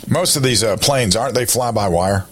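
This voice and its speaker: A man with a deep voice hosts talk radio. He puts questions to a guest in a conversational, informal way. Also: normal speed, a bit bright, slight background noise.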